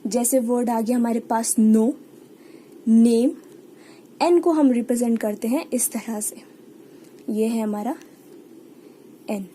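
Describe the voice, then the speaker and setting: A woman's voice: on the high side, steady tone, measured pace, pauses often, dark tone, slight background noise. A woman with an Indian accent teaching a shorthand lesson step by step, patiently repeating key words and example sounds. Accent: Indian English. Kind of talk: online lesson explaining step by step.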